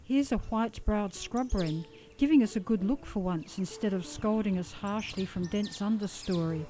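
A woman with an Australian accent giving calm, scripted nature documentary narration as a voice-over. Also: medium pitch, moderate pace.

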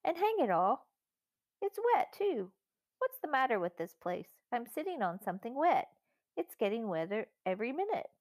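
A woman voicing an eager, take-charge eldest brother, brisk and earnest, in a storybook reading. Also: fairly high pitch, big pitch swings, a little mellow, no echo, studio quality, pitched above the performer's own voice. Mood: startled, excited. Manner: brisk, earnest, well-spoken.

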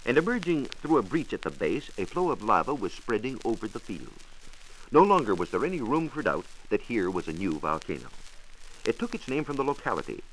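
Heard on a faintly noisy 1940s radio transcription disc, this American man sits on the low side and talks a little fast with lots of animation. He's a science reporter reading a scripted radio show, formal, exact and emphatic.

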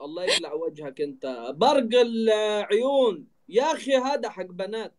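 A man's voice: high voice, very animated, quick pace. A man with an Egyptian accent, chatting casually and teasingly as he hosts a live stream. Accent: Egyptian Arabic. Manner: joking, teasing. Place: indoor room, live video call.

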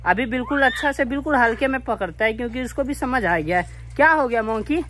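A man's voice: very high-pitched, fairly quick, a bit bright, slight background noise. A man, chatting casually and directly to his viewers outdoors at home. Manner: plain, repetitive, addresses viewers directly. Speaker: vlogger with a pet monkey. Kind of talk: casual vlog chat to viewers.

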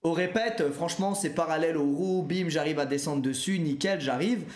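A young man tells a story to his viewers, animated and full of fillers. His voice sits fairly high. The recording has a noticeable room echo. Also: a little fast. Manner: animated, lively anecdote with frequent fillers. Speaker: streamer.

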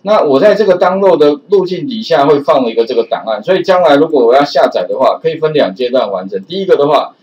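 A man with a Taiwanese Mandarin accent teaching a screen-recorded programming lesson in a chatty way, often filling pauses with "oh" and repeating his warnings. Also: a little high, animated, darkish tone. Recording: slightly dull lo-fi recording.

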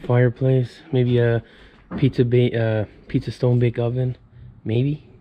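This urban explorer vlogger, a man in his thirties, walks through the inside of a fire-damaged abandoned house, casually sharing his thoughts with viewers on a handheld camera. He talks at a measured pace in a medium pitch with little pitch movement, and the recording sounds muffled with a little hiss or hum.

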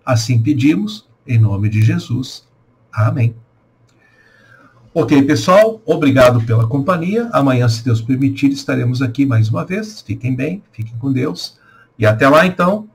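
A Brazilian pastor in his sixties giving a calm, reflective home devotional with a prayer. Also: mid-range voice, creaky, slightly rough. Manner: calm, unhurried, reflective with pauses. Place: small room at home, indoors. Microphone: webcam at desk.

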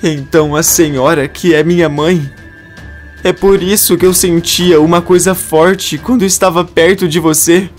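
A man's voice: on the high side, animated, measured pace, faint music behind, pitched above the performer's own voice. A man voicing an emotional young man who is crying and speaking eagerly in a raised voice. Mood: tearful. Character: emotional young man who just found his mother.

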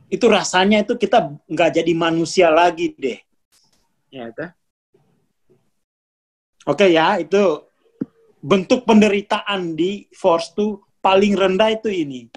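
A speaker giving a relaxed spoken lecture on spiritual consciousness, repeating warnings and laughing between points. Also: medium pitch, a little slow, pauses often.

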